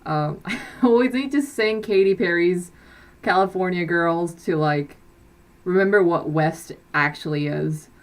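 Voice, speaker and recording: Streaming live from a bedroom with a blackout curtain, a native Korean-speaking young woman from South Korea chats casually in a lowish voice, a little slow. She rambles along, often restarting and leaning on fillers.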